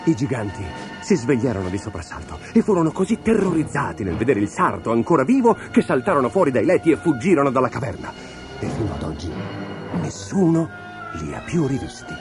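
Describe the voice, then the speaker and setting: A man telling a fairy tale in a dramatic, expressive storybook style over background music. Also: medium pitch, brisk. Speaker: narrator. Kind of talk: storybook narration.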